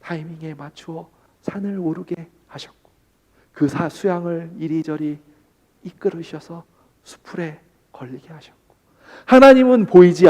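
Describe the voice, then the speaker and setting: A man preaching a sermon as pastor, who moves between hushed, slow emphasis and loud, impassioned pleading. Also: a little high.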